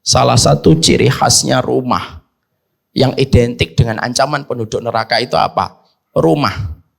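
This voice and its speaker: A male Indonesian Islamic preacher giving a sermon, animated and emphatic, jumping up in pitch to stress points and mimicking voices from his stories. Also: normal speed, creaky.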